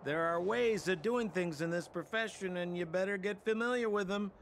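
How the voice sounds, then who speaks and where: An actor voicing a sly, smooth-talking young male merchant in a game, with wheedling sales patter. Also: high-pitched, normal speed, slight background noise. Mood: smug. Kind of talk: game voice acting.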